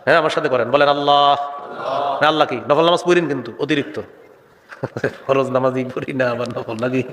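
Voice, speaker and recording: A man's voice: mid-range voice, fairly even intonation, fast talker, fairly bright tone, big-room sound. A man preaching a sermon, leading the crowd in call-and-response with sing-song chanting.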